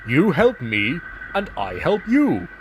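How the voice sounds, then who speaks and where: A man's voice: fairly high pitch, huge pitch swings, slow pace, slight background noise, exaggerated voice. A man voicing a big, proud male express engine in a storybook, speaking grandly with a chortle.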